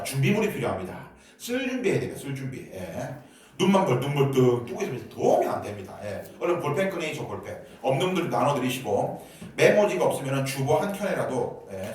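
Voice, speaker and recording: Heard from a distance in a heavily reverberant church sanctuary, this guest pastor has a mid-range voice and is in his fifties. Originally from Seoul, he slips Gyeongsang dialect into his Seoul speech while delivering a lighthearted, talkative sermon and bantering with the congregation.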